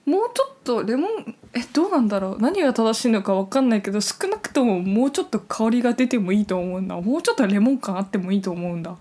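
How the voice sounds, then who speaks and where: High-voiced young woman hosting a talk show. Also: big pitch swings, fast, hardly any pauses, mellow. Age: young adult, university student. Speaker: co-host of a radio-style talk show. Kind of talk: casual chat with scripted greetings.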